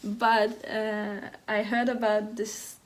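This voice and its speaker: This knitting podcast host, a Danish woman in her thirties, takes her time, her mid-range voice staying level and flat. The chat is casual and halting, packed with fillers and false starts.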